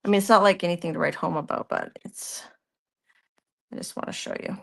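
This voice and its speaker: On the low side and creaky, this woman's voice moves a little fast as she hosts a live art tutorial in a Canadian accent. She explains her work in progress and takes viewer questions. Chatty and thinking aloud, she often drifts off mid-sentence.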